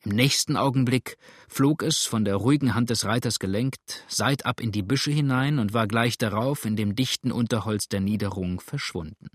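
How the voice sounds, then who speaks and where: Expressive male audiobook narrator, dry sound. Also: mid-range voice, normal speed, few pauses, no room sound. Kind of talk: scripted narration of a classic novel.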